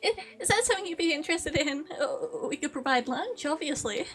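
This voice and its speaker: A timid townswoman from a video game, stumbling over her words with ums and uhs, as a woman streamer puts her on. The voice sits high and lifts higher in her nervous moments, with soft piano music faintly behind. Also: animated. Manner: halting, full of ums and uhs. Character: nervous, hesitant woman from a nearby town.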